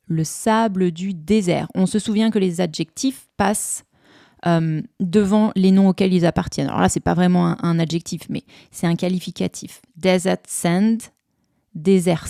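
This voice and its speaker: A woman hosts a podcast lesson, walking through an English poem word by word and quizzing her listeners as she goes. Her voice sits low and mellow. The sound is dry and close, with no room around it. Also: creaky, no echo. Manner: patient, explains step by step, asks the listener questions. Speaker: language teacher and podcast host.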